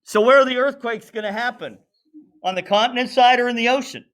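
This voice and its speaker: Very high-pitched and a touch fast, the man's voice has a fairly bright tone. He teaches a casual classroom science lesson, explaining while drawing, asking students questions, and chatting to himself at the board.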